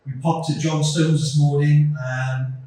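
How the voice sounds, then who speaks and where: A carpenter and builder narrates a casual DIY vlog, practically walking through his renovation step by step as he works in a bungalow room indoors. His voice sits fairly high with little pitch movement, a measured pace, and a warm tone. He holds a phone while working, so the bare room sounds echoey with faint noise.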